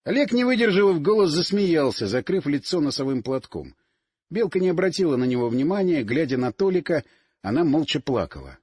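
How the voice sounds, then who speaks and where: A man narrating an audiobook in a lively, expressive way. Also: a little high, brisk, slightly rough, no echo, studio quality. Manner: lively, animated reading.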